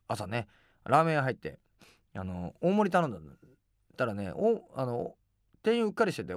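A middle-aged man hosting a radio show, telling rambling casual anecdotes in rough, filler-heavy speech and acting out quoted dialogue. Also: no room sound, studio quality. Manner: animated, acts out quoted dialogue with big pitch jumps. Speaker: radio host.

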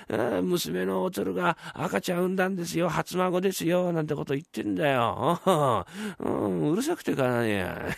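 A man voicing a blunt, warm-hearted common townsman who speaks coarse old Tokyo downtown street talk in a rakugo storytelling. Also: fairly high pitch, vocal fry, dry recording, studio quality. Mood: pleading. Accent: old Tokyo downtown speech.

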